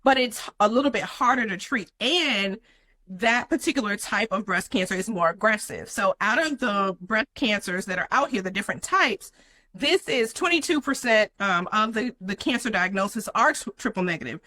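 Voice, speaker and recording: A woman's voice: mid-range voice, expressive, moderate pace, sharp tone, rough recording. A young adult woman, a guest in an interview, telling her personal story in an earnest way with many "you know" fillers.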